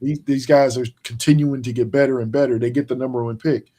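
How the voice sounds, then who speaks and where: This podcast host is a man with a mellow mid-range voice and fairly level intonation, chatting casually about sports. Tired and yawning, he drifts along, restarting sentences and filling gaps, making slow, emphatic points.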